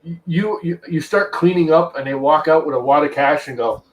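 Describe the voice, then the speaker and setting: A man's voice: fairly high pitch, brisk, poor audio. A man in his fifties in a casual group chat, blunt and ranting, swearing casually. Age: 50s.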